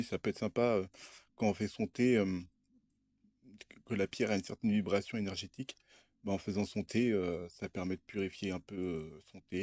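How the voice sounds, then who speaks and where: A man's voice: lowish voice, a little mellow, dry recording. A young man talking casually to camera, showing what he bought, hesitant with many fillers and restarts. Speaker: vlogger. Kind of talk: casual show-and-tell vlog.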